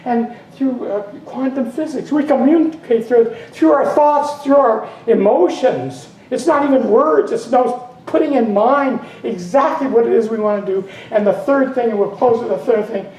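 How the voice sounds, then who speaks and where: A man's voice: very high voice, moderate pace, hardly any pauses, a little mellow. A man giving a sermon as minister, rambling and breaking off with chuckling asides. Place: spiritual center meeting room. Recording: roomy hall from a distance, faint ambience.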